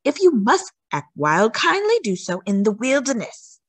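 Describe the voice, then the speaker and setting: A woman's voice: fairly high pitch, huge pitch swings, normal speed, a bit bright, breathy edge, no echo, pitched above the performer's own voice, heavily acted. A woman voicing prim, proper animal townsfolk from a storybook, stern, formal and emphatic as they scold.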